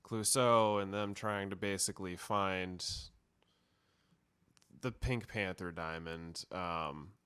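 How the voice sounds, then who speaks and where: Low clear male podcast host, wry casual movie recap. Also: fairly even intonation, slow pace, sharp tone.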